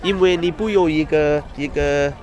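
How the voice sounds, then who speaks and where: Young British man, halting foreigner-accented Mandarin. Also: fairly high pitch. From United Kingdom. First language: English. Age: 20s. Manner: simple broken phrases with repeated searching for words. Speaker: travel vlogger. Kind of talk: casual chat with locals.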